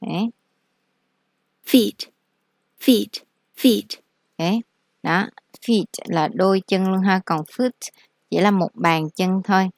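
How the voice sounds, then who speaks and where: A woman teaching English vocabulary in a casual lesson, explaining slowly and repeating each word for practice. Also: medium pitch, no room sound, studio quality.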